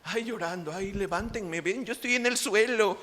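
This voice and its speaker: Whimpering, self-pitying talking foot , put on by a preacher, soft and sighing. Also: male voice, high-pitched, moderate pace, slight background noise, pitched above the performer's own voice. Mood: whining. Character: whiny self-pitying foot, crying on the floor.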